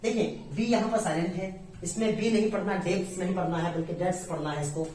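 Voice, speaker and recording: A woman with an Indian accent teaching English vocabulary in Hindi, explaining each word slowly and asking her students questions again and again. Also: lowish voice, warm tone, a little hiss or hum. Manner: explains slowly in Hindi with English words, often asks and repeats. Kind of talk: online English lesson. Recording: very echoey room, far from the mic.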